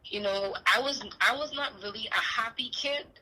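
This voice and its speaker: Interview guest, woman from the Bahamas, clear bright tone, hesitant, lots of restarts. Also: fairly high pitch, moderate pace, rough recording. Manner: soft-spoken, hesitant, many restarts and "you know". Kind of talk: remote interview, personal story.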